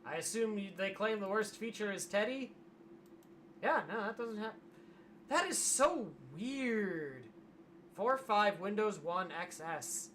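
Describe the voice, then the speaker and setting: A hoarse streamer in casual livestream commentary, wry and grumbling, reading aloud from a web page. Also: medium pitch, moderate pace, a bit bright, a little hiss or hum. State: losing voice, hoarse.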